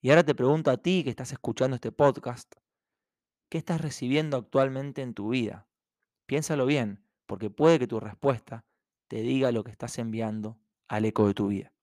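A man hosting a self-help podcast, telling a parable and then speaking calmly and directly to the listener. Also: medium pitch, moderate pace, dry recording, clean studio sound. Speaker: podcast host. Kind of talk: reflective self-help narration.

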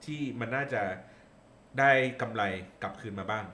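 A man's voice: lowish voice, moderate pace, reverberant, very noisy. A man chatting casually about politics, hesitant and thinking aloud with many fillers. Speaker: political commentator guest.

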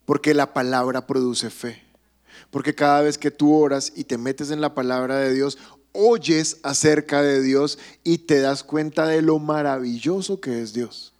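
A man's voice: medium pitch, darkish tone. A man, a pastor preaching a sermon at a church service, emphatic and asking the congregation questions.

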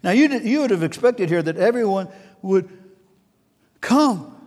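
A man preaching a sermon as pastor, swinging between soft and loud and repeating key words. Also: high voice, animated, unhurried, in a large hall.

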